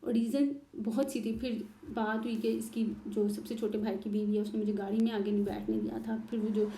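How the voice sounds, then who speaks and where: A woman's voice: mid-range voice, level tone, brisk, mellow, echoey room, a little hiss or hum. A woman from Pakistan, telling her own story as heated personal testimony and acting out the arguments she describes. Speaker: interviewee recounting her marriage.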